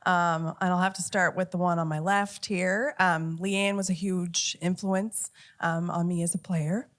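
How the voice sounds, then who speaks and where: A woman's voice: lowish voice, little pitch movement, measured pace, a bit bright. A woman with a Nova Scotian accent speaking on a panel in a museum, emotional and laughing through tears. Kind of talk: casual panel talk. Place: museum event hall.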